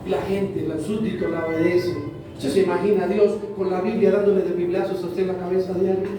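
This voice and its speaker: A man's voice: high-pitched, little pitch movement, fairly quick. Preaching man in an echoey hall. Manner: addresses the congregation formally, repeating phrases for emphasis. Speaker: pastor. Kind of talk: sermon. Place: church hall. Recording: very echoey church hall, voice from a distance.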